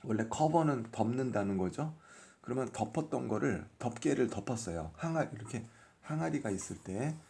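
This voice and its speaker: A man's voice: medium pitch, lively intonation, moderate pace, creaky, dark tone. A man teaching English phonics from a workbook, patiently sounding out each letter and explaining the meaning of each word. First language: Korean. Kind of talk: workbook lesson explained step by step.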